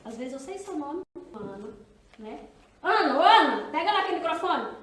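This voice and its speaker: Brazilian woman pastor, very high voice, animated, teasing, echoey hall, distant mic. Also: normal speed. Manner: chatty, teasing, asks the audience questions. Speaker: pastor leading a women's seminar. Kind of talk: church seminar talk to a women's group. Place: church hall.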